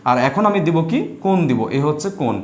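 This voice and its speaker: A man's voice: on the high side, expressive, fast talker, roomy sound. A man teaching an online spelling class, asking questions and answering them himself in a patient, drilling way. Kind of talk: live class lecture.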